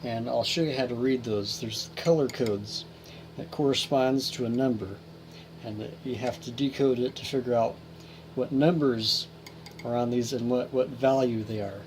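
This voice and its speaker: A man with a medium-pitched, darkish voice speaks at normal speed while hosting a hands-on tutorial for his hobby electronics repair series. Informal and folksy, he explains step by step and thinks aloud, with distinct background noise audible in the homemade video.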